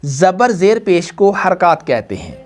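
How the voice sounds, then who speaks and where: A man's voice: high-pitched, sing-song. A man teaching a Quran reading class, patiently repeating points and quizzing students in call-and-response. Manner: repetitive call-and-response questioning; patient, slow drilling. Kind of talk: classroom lesson to students and viewers.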